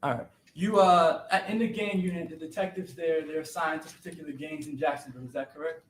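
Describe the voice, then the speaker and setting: A man, a defense attorney, quickly questioning a witness from a courtroom podium with halting restarts, heard in a courtroom recording. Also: steady tone. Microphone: courtroom podium microphone. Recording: echoey courtroom, faint rumble.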